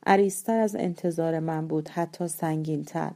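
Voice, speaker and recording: A woman reading a novel aloud as an audiobook narrator, calm and measured. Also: low voice. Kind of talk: scripted story narration.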